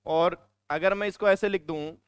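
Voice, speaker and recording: A male teacher with a Hindi accent lectures, wanders into chatty anecdotes, and sometimes scolds his students. His fairly high voice is smooth and crisp, steady in tone and at normal speed, recorded dry and close with little room sound and no echo.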